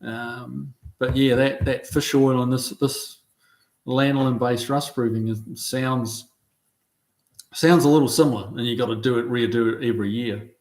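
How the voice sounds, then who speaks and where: A middle-aged man with a New Zealand accent hosts a casual livestream chat, reading out viewer comments and answering them. His medium-pitched delivery is relaxed and halting, full of ums and restarts.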